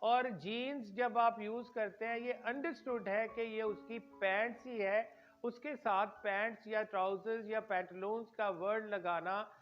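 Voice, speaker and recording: A high-pitched man lectures on English pronunciation, taking his time and repeating each word for emphasis. The recording sounds dull and lo-fi, with faint music underneath. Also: steady tone, unhurried. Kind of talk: spoken lecture.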